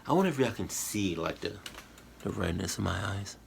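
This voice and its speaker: In this reaction video recorded at home, a weary man talks to his audience in a deep voice with vocal fry and lively intonation, moving fairly quickly. His chat is loose and rambling, packed with slang, fillers and false starts, over a little hiss or hum.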